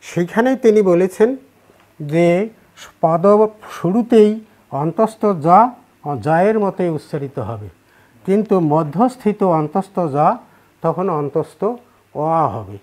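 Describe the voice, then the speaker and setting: A man's voice: high voice, expressive, dark tone. Bangladeshi man teaching chanted verse. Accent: Bangladeshi Bengali. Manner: counts syllables slowly, chants verse lines. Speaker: Gita recitation teacher. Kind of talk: teaching Sanskrit verse pronunciation. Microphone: online class recording.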